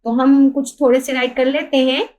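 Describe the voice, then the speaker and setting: High-voiced Pakistani woman teaching a lesson. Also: little pitch movement, normal speed, a little mellow. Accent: Pakistani Urdu. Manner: spells out words letter by letter, asks and answers her own questions. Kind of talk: lesson explaining a textbook.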